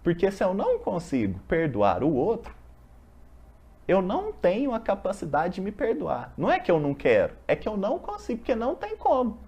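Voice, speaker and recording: A study group leader with a Brazilian accent talks in a husky voice whose pitch swings up and down freely. The talk is casual and explanatory, reading from a text and then unpacking it with homely examples and rhetorical questions. It sounds like a meeting room of a university group. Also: wildly swooping pitch, fairly quick, a little mellow.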